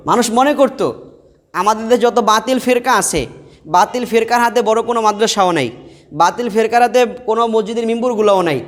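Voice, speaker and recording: Man, very high voice, teacher who quizzes the class and drills letters, long hall reverb. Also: fairly quick. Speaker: Quran teacher and mosque preacher. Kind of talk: classroom lesson. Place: classroom with students present.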